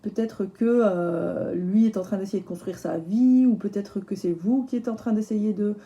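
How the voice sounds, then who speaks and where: A woman with a slightly hoarse voice, chatting casually through a tarot reading with lots of fillers and restarts. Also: mid-range voice, moderate pace, warm tone. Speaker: tarot reader.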